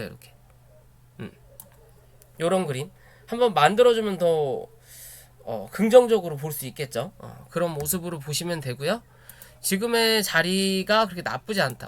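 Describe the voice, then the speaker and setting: A man's voice: high voice, fairly bright tone. A man giving a stock chart analysis lecture. He points at chart spots, repeats short phrases, hesitates often, and asks rhetorical questions that he answers himself. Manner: frequent filler hesitations. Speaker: stock market instructor.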